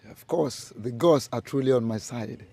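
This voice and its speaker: A man's voice: mid-range voice, normal speed, creaky, a little mellow, a little hiss or hum, close to an everyday voice. An actor playing a proud middle-aged village chief in a film drama, a man with an emphatic Nigerian-accented delivery. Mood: jovial, pleased. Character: proud, jovial village chief, father of a grown son.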